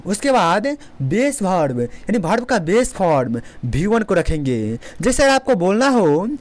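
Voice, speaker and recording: Indian-accented English teacher, lively pitch, slow deliberate repetition of drill phrases. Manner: repeats each English example slowly several times; explains in Hindi, models English phrases deliberately. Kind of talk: Hindi-medium English lesson.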